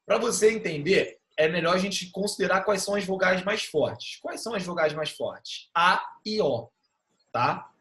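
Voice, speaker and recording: A man's voice: sits high, animated, normal speed, a bit bright. Patient Brazilian man teaching a class. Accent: Brazilian Portuguese. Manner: patient, checks understanding with frequent "tá bom?". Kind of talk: online class explanation.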